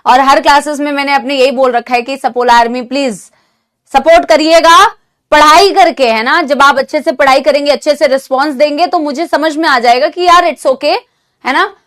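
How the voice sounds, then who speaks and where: Young woman, high-pitched, online teacher, sore throat from a cold, affectionate, mixes Hindi and English. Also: fairly even intonation, a little fast, a bit bright. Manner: motherly, calls students "beta", mixes Hindi and English. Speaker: online NEET biology teacher. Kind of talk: live online class chat.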